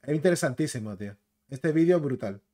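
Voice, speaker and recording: Man, from the Canary Islands, casual clip commentary, slangy, chatty, slightly high voice. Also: animated, a little fast, warm tone. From Canary Islands, Spain. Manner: chatty, slangy, keeps tagging phrases with "tío" and "¿vale?". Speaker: video commentator.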